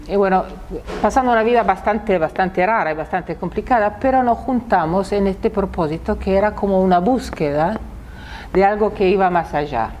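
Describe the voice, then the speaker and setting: Her voice is on the low side and a little mellow, with a bit of hiss or hum in the audio. She is an Italian woman in her sixties, speaking with the accent of her native language during a public talk and frequently repeating words as she hunts for the right one.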